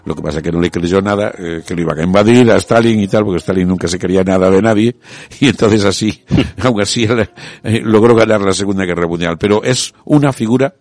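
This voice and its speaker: A man hosting a radio talk show, speaking in a relaxed, conversational way with frequent hesitations. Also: lowish voice, fairly quick, dry recording.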